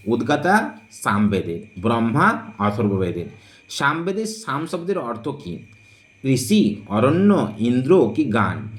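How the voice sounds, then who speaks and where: A man teaching an exam-prep lesson, reading quiz questions and drawing out each answer option slowly and deliberately. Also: mid-range voice. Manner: slow, deliberate, drawn-out listing of options.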